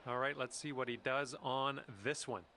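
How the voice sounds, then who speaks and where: A man's voice: mid-range voice, level tone, moderate pace, bright, forceful tone. A man giving casual golf commentary, calling each shot in short, reactive remarks. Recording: crowd and outdoor ambience noise behind. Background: crowd murmur and ambient noise.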